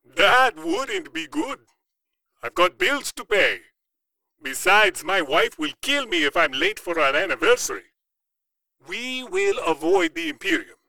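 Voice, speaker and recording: A cautious, businesslike alien merchant from a storybook, as a male narrator puts him on. He talks slowly and deliberately in a high, bright, gravelly voice. The recording is dry and close. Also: wildly swooping pitch, no echo, full character voice, low-quality recording. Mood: wary.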